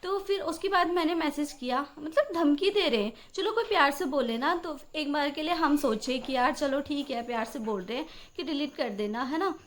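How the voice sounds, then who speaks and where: A woman's voice: high voice, expressive, normal speed, few pauses. A young adult woman vlogging about a family dispute, upset and indignant, talking in long rambling runs full of fillers. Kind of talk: emotional personal vlog rant.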